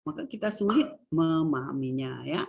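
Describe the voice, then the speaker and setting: A woman's voice: low voice, big pitch swings, moderate pace, gravelly, a little mellow, husky. A middle-aged woman gives a university lecture, quizzing students and stressing key words with a rising voice. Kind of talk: classroom lecture on Indonesian grammar.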